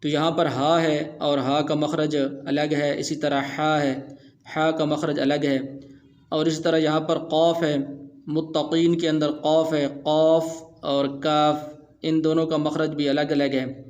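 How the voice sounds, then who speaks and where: A man teaching Quran recitation rules step by step, explaining plainly and then slowly chanting the example verses. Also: a little high, little pitch movement, darkish tone. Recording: dull, muffled audio.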